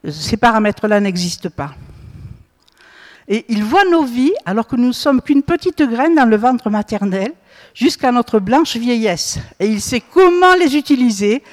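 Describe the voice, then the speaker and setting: A woman's voice: on the high side, lively intonation, unhurried. A woman leading a group Bible study, quizzing listeners and tagging her points with little questions. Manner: asks the group questions, frequent tag "hein?" and "hmm?". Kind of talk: interactive Bible teaching. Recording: long reverb in a hall.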